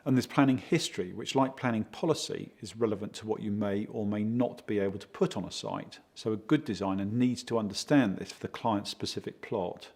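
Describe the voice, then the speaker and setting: A man working as a project consultant, giving steady, explanatory interview answers and leaning on key words. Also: lowish voice, a little fast, few pauses. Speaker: project consultant for a home design firm.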